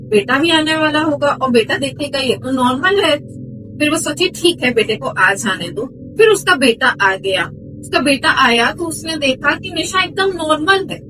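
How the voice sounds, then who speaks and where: A woman's voice: high voice, rough recording. A woman telling a village horror story in a chatty, casual way, mixing in English words. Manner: chatty, frequent filler "ना", mixes English words into speech. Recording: clear music bed under the voice.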